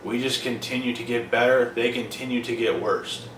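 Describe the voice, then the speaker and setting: A man's voice: medium pitch, fairly even intonation, moderate pace, a bit bright, recorded from a distance. Blunt, profane young man, off-mic. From Prince Edward Island, Canada. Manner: blunt, profane, emphatic repetition. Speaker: vlogger. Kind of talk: casual monologue to camera. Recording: roomy, off-mic, noisy background.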